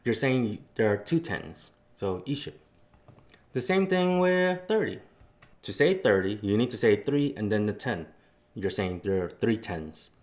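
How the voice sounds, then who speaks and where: A man gives a casual language lesson in a fairly low voice. He walks through each step plainly and easygoing, with relaxed fillers between points. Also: normal speed. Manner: explains step by step, loose fillers. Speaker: language teacher.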